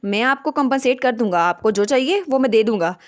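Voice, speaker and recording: A woman's voice: on the high side, expressive, brisk, lightly acted. A woman reading the lines of a stern, protective wealthy male duke in a storybook retelling, giving urgent orders.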